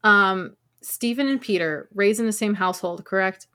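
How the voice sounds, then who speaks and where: A woman's voice: medium pitch, moderate pace, pushed and bright. A woman with a New Jersey accent, co-hosting a podcast in casual group chat. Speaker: podcast co-host.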